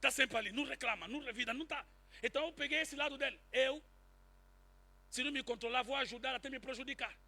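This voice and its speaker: A man preaching a sermon and telling a personal testimony, swinging from quiet asides to shouted peaks. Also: extremely high pitch, fast talker. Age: adult, married since 2010.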